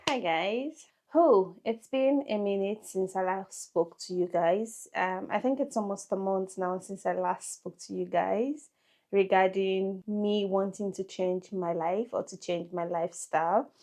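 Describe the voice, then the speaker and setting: A young woman, chatting casually to camera as a lifestyle vlogger, full of quick self-amused asides. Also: mid-range voice, warm tone. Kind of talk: casual vlog chat to camera.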